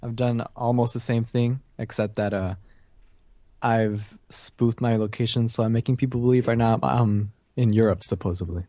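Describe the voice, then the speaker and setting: Mellow man explaining hesitantly. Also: mid-range voice, fairly even intonation, moderate pace, dry recording. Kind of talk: casual chat.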